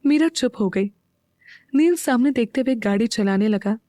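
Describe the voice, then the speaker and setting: A woman narrating an audio story in a slow, even storytelling manner. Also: on the high side, no echo, clean studio sound. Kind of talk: scripted narration.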